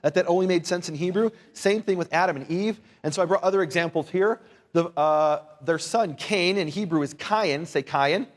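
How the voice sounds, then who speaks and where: A native English-speaking man with a high-sitting voice, moving at a moderate pace, teaches an informal Bible lesson to a live audience. He's a Bible teacher and lecturer whose style is conversational and wryly humorous, full of rhetorical questions, and he has listeners repeat words back to him.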